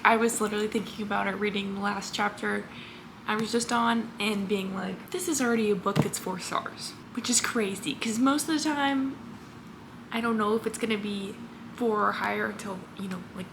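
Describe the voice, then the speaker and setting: A book vlogger in her twenties chats casually in a reading vlog, gushing and leaning heavily on "like" and "literally." A retainer gives her a slight lisp. Her medium-pitched voice has vocal fry and a moderate pace, over a noisy background.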